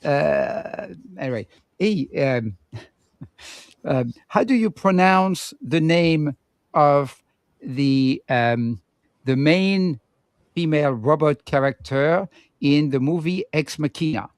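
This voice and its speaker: A man's voice: a little high, animated, slow pace, no echo, studio quality. A man co-hosting a podcast, chatting casually in a playful, rambling way and laughing often. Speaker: podcast co-host. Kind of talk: casual chat.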